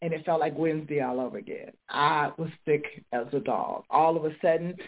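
Over a tinny phone line, a woman with a low voice speaks fairly quickly as host of a faith talk show. She is congested and recovering from illness, yet she decrees fervently and rises to preaching fervor.

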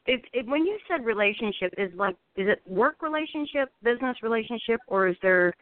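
A woman's voice: a little high, animated. Polite woman caller on a phone line. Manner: warm, polite, quick to thank, laughs softly. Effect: caller heard over a phone line. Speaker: radio show caller. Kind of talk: casual call-in conversation.

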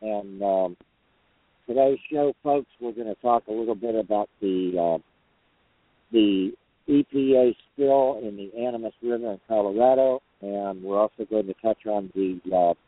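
Male trucker host, lowish voice, folksy and rambling, casual radio chat from a parked cab over a narrow phone-grade line. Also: moderate pace, no room sound. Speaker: host of a truckers' talk show. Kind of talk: casual call-in talk show chat.

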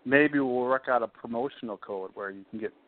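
A man's voice: mid-range voice, fairly quick. A man hosting a sports talk show in a casual, loose, chatty way, through a phone-like connection. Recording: tinny, phone-like internet radio.

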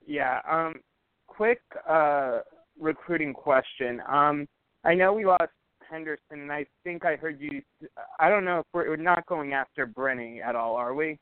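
A man's voice: a little high, a little slow, smooth, no echo. Man calling in over the phone. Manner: eager, rambling questions. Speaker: caller. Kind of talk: sports call-in chat. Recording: tinny phone line.

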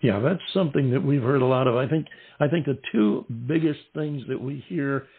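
A man's voice: mid-range voice, a little fast, slightly rough. A male host interviewing a musician, talking in a formal, courteous way with long winding questions. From lived in Southern California. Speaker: radio show host. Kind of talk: interview on a phone line. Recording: tinny phone-line sound.

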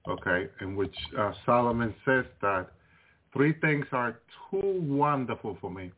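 A man giving informal religious commentary in a halting, repetitive manner. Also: lowish voice. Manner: halting, repetitive, pausing to say okay. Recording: tinny, phone-like narrow-band audio.

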